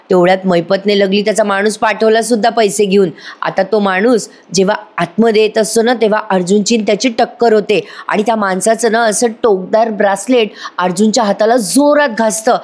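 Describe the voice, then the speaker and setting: A woman narrating a lively voice-over recap of a TV serial episode, acting out each character's lines. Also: mid-range voice, a little fast. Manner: lively storytelling, acts out every character's lines. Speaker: TV serial reviewer.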